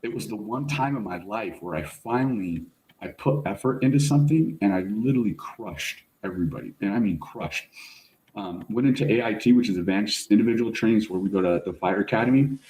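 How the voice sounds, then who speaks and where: A fire service chief officer, appearing as a podcast guest, tells a story casually in a low, brisk voice. He's animated and slangy, often saying "like" and "bro," and the recording has a roomy echo.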